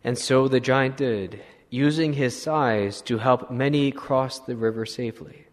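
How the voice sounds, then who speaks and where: A man, a priest, telling a saint's story in a slow, measured sermon. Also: medium pitch. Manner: slow, measured retelling with clearing of throat. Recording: long hall reverb.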